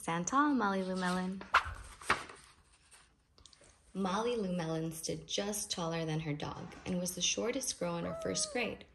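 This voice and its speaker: A woman with a fairly low, expressive voice reads a children's picture book aloud at normal speed, stretching key phrases for emphasis. The home recording is noisy and has clicks.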